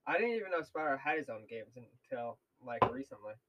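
Young man, podcast co-host, casual, rambling, filler-heavy, medium pitch. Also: sing-song, a little fast, muffled recording. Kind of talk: casual chat.

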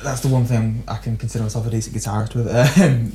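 A young man, a musician guest, telling stories in a rambling, animated way with frequent laughs. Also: medium pitch, quick pace. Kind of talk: casual storytelling chat.

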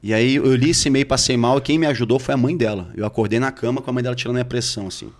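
A man's voice: mid-range voice, very fast. A man telling a personal story in casual slangy chat.

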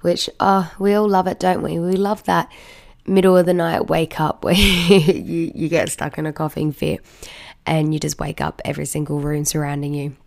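A woman podcast host speaks in a low, croaky frog voice, hoarse from a bad cold and cough. She talks casually and informally, as if chatting straight to her listeners. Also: flat delivery, normal speed, darkish tone. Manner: chatty, informal, many "like" asides. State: sick with a croupy cough. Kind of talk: casual solo podcast talk.

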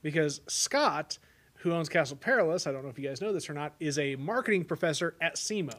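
A man's voice: a little high, expressive, fast talker, fairly bright tone. An American man hosting a casual interview, effusive and jokey, with a rambling way of talking. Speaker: podcast host.

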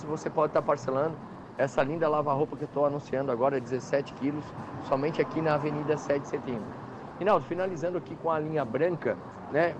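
A man with a southern Brazilian accent giving an insistent hard-sell live ad as a store manager, repeating prices and deals. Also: fairly high pitch. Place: outdoors or storefront by a busy avenue. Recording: dull outside-broadcast line, clear street noise. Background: noisy traffic.

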